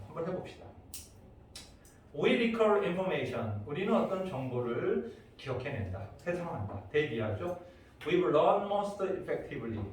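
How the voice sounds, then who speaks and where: A man's voice: on the high side, a little mellow. A male English teacher giving an exam-prep grammar lecture, explaining step by step and checking in with the class often. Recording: echoey room, distant mic, faint noise.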